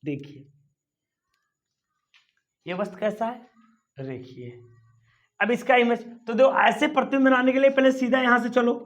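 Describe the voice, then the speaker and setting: A male physics teacher lecturing at a board, coaxing students with questions that he answers himself. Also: high-pitched. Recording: dull lo-fi recording.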